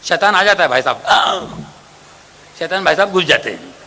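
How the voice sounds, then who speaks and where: A man's voice: a little high, big pitch swings, moderate pace, bright, forceful tone, slight background noise, poor audio. A man preaching a sermon in a conversational, humorous storytelling manner.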